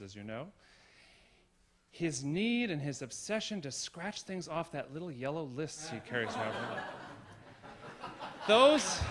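A middle-aged man, a university provost, giving a formal tribute speech in a concert hall, measured with gentle humor. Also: high voice, a little hiss or hum.

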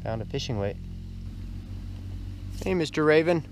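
An older man casually narrating his metal detecting outdoors on a lakeside beach, easygoing and excited at each find, recorded on a body-worn camera. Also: on the high side, a little slow, a little hiss or hum. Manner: easygoing, excited exclamations at finds. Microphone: action camera worn on the body.

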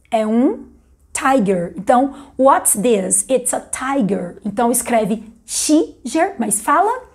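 A woman from Brazil, an English teacher, chatting through a video lesson and slowly repeating English words for emphasis. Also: sits high, a little mellow, husky.

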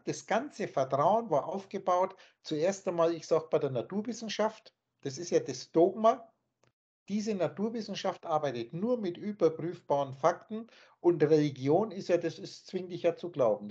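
A man's voice: high voice, darkish tone, husky. A man teaching in an emphatic, scornful lecturing manner, speaking over a video call. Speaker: spiritual teacher. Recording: dull lo-fi online call audio.

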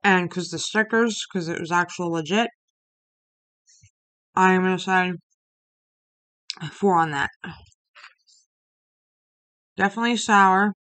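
A woman in her thirties chats casually to camera while eating sour candy, talking in short, halting bits with mumbled asides. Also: on the low side, fairly bright tone, no room sound. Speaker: vlogger reviewing candy. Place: small room indoors. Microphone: webcam or laptop mic at arm's length. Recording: noisy webcam audio with clicks.

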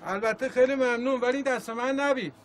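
A man's voice: very high-pitched, steady tone, a little hiss or hum. A man playing a stubborn, rustic village doctor who lends money, speaking in a curt country dialect. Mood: blunt. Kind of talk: sitcom acting.

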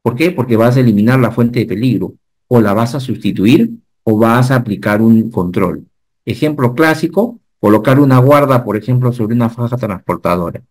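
A man, giving an animated online safety lecture and often checking whether the class follows. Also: mid-range voice, normal speed. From Peru. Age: 50s. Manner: animated teacher, asks the class checking questions. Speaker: occupational safety instructor.

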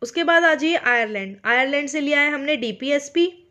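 An Indian woman teaching an online exam-prep lecture, speaking slowly on purpose and often checking in with her listeners. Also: high voice, pushed and bright. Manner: mixes English terms into her explanations.

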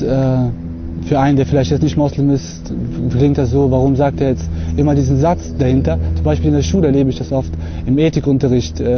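A man's voice: medium pitch, noisy background. A young man from Russia giving an earnest, hesitant spoken testimony to camera outdoors on a lawn, with many filler sounds, recorded on the camera mic. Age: young adult. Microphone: camera mic at close distance. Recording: slightly dull lo-fi outdoor camera audio.

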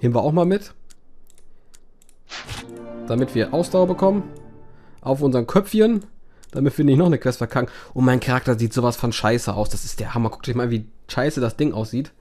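A man's voice: medium pitch, brisk, long pauses, mellow, faint music behind. Man cursing at a browser game. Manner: swears and groans at the game, dramatic outbursts. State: strained voice. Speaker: let's play gamer. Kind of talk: let's play commentary.

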